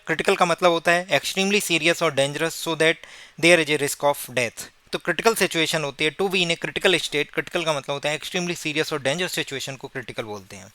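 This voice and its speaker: A man's voice: a little high, sharp tone, clean tone, no echo. A man teaching exam vocabulary, explaining word meanings step by step with English definitions mixed in.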